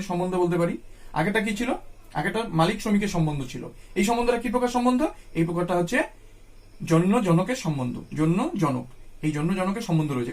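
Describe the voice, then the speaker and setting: A man with a Bengali accent teaching a grammar lesson, who repeats each point patiently and asks questions before answering them himself. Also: high-pitched. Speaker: Sanskrit teacher.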